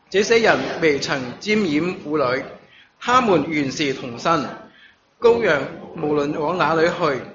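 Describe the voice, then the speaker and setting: A man with a fairly high voice leads a sermon and reads scripture aloud at a steady, measured pace. When he leaves the text he stumbles over fillers. The recording sounds dull and lo-fi, with a congregation clearly audible behind him. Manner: measured reading of scripture, halting fillers when speaking freely. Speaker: preacher. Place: church service, also streamed online.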